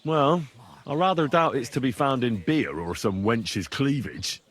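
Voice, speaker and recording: A man's voice: mid-range voice, expressive, measured pace. An actor playing a plain-spoken young man in a video game, dry and worn thin by the company he keeps. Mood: exasperated. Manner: dry, exasperated, down-to-earth. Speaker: game protagonist. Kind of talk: video game cutscene acting.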